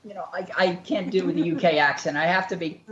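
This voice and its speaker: A woman's voice: fairly low pitch, fairly even intonation, fast, highs cut off, crowd noise. A woman hosting an online radio show, chatting casually and rambling with frequent laughs and jokes. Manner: giggly, rambling, jokey.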